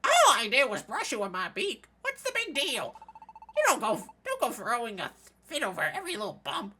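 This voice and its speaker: Woman putting on a high, brash bird creature. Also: huge pitch swings, normal speed, bright, forceful tone, a little hiss or hum, exaggerated voice. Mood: dismissive, annoyed. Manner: brash, scoffing. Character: dismissive, brash beaked bird Pokemon. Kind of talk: dubbing game dialogue aloud.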